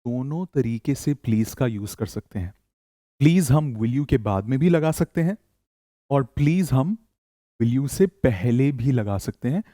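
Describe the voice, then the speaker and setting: A man teaching spoken English in Hindi, reading model sentences slowly for learners to repeat and praising them often. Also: medium pitch, animated, warm tone, no room sound, clean studio sound.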